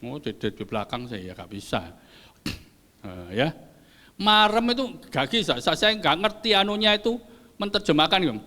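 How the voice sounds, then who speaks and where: Older male pastor, bright high voice, playful preaching with long hall reverb. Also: moderate pace. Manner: lively, joking with the congregation, mixing in Javanese. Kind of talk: sermon. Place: church hall.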